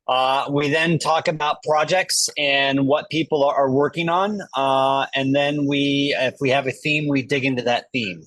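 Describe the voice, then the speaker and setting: Male meetup host on a video call with a spotty connection, casual and halting, dry close sound, mid-pitched. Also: fairly bright tone, no room sound, rough recording. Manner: casual, halting, with restarts and fillers. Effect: talking over a video call with a bad internet connection. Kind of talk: casual online meetup hosting.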